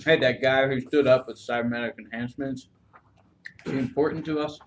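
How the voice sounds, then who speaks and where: A man's voice: mid-range voice, fairly even intonation, fairly quick, slight background noise. A man chatting casually as a player in a tabletop role-playing game. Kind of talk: casual chat.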